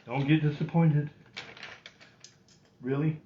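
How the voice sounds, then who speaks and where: A man's voice: fairly high pitch, steady tone, takes it slowly, recorded from a distance. A folksy man in his sixties giving a casual painting tutorial, talking to himself and poking fun at himself as he works. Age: 60s. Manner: folksy, self-deprecating, muttering to himself. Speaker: painting demonstrator. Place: small curtained indoor painting space. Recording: roomy, dull sound with faint noise.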